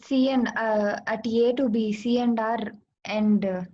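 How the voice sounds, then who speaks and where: A woman's voice: fairly high pitch, steady tone, measured pace, warm tone. A woman giving short answers as a student in a live lesson. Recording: dull, echoey, slightly noisy audio.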